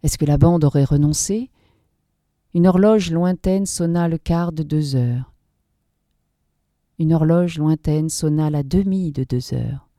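A woman reads a dark tale aloud with measured drama. Her voice sits low and mellow, recorded close and dry. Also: dry recording. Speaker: narrator. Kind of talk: scripted story reading.

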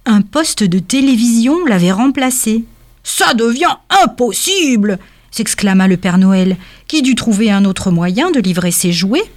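A woman reading a children's storybook aloud in a calm, measured way. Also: mid-range voice.

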